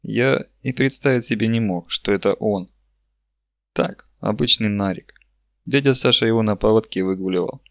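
Man doing a young village guy, blunt and rough, kinda loud, storybook voice. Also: lowish voice, moderate pace, dry recording, studio quality. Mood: telling story.

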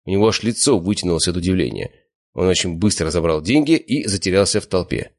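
A man narrating first-person fiction for an audiobook in a steady, measured way. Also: sits low.

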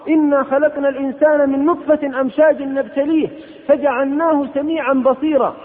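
A man preaching an impassioned sermon, scolding and rising to sharp outbursts. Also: very high-pitched, fairly even intonation, brisk. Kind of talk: fiery sermon. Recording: tinny old cassette in a hall.

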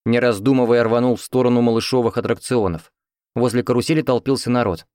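A man's voice: mid-range voice, fairly even intonation, fast, a little mellow, dry recording, clean studio sound. A man reading first-person fiction as an audiobook narrator, in a conversational, wry storytelling manner.

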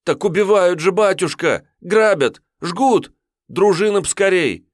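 A man voicing a frantic, trembling young male serf messenger who pleads in breathless shouts. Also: sits high, animated, unhurried, no echo, studio quality, voice pushed up. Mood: frantic pleading.

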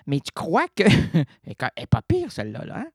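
A man's voice: fairly high pitch, huge pitch swings, normal speed, slightly rough, no room sound, clean studio sound. A man with a Québécois accent hosting a late-night radio show, rambling playfully and correcting himself as he goes. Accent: Québécois French. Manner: playful, digressive, constantly self-correcting. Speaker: radio host. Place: radio studio.

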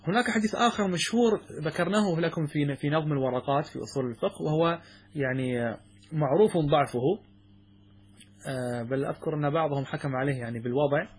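A husky, slightly high-pitched man in middle age teaches a classical text to his students. He asks them questions, answers them himself and repeats key words for emphasis. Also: fast talker. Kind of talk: classroom lesson explaining verses.

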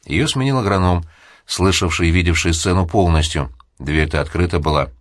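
A man narrating an audiobook story in a steady, dramatic reading with voices for the characters. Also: deep voice, fairly quick, no room sound, studio quality.

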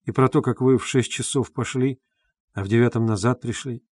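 A man reading the part of a brooding young man who speaks curtly and low in an audiobook. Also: fairly even intonation, fairly quick, darkish tone, breathy edge, no room sound, clean studio sound, lightly acted. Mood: probing.

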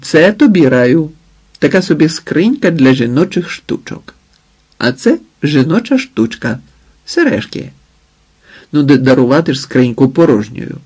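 Chatty jovial son-in-law, boisterous, husky edge, as a man does him. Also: on the high side, a little slow, heavily acted. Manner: lively, jovial, loud. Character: cheerful talkative son-in-law, joking and flattering.

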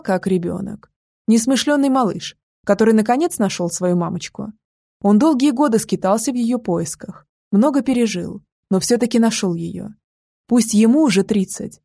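A woman narrating a first-person audiobook in a calm, measured way. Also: medium pitch, vocal fry, no room sound, studio quality.

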